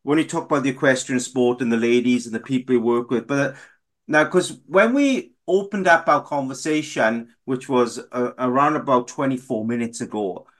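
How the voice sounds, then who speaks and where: A man's voice: medium pitch, moderate pace. A man hosting a morning radio show, chatting loosely with fillers and restarts. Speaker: radio host. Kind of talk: casual radio chat.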